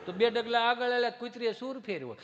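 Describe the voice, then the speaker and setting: A man's voice: extremely high pitch, fast, lo-fi sound, heavy background noise. A man with a Kathiawadi Gujarati accent doing live stand-up, telling folksy stories with punchy rhetorical asides to the audience. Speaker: stand-up comedian.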